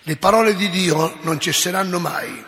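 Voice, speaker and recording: Man doing a steadfast young woman, solemn and firm, bright voice, echoey hall. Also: sits high, normal speed.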